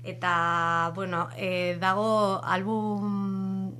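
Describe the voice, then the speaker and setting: A woman's voice: medium pitch, completely flat delivery, extremely slow, a bit bright, a little hiss or hum. A woman on a radio chat show, presenting a song hesitantly and with many fillers.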